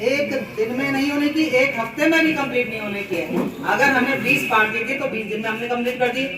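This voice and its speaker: A man's voice: extremely high pitch, noisy background. A man giving a presentation to fellow teachers at a cluster meeting. He explains at length, repeats words and leans on everyday examples. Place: school meeting room. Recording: echoey room, voice far from mic.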